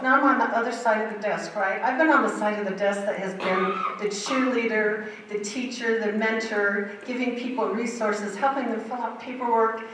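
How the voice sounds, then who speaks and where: A woman's voice: mid-range voice, fairly bright tone, recorded from a distance, slight background noise. An older woman giving a personal testimony in a church, telling her story in a vivid, emphatic way. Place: church sanctuary. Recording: very echoey hall, heard from afar.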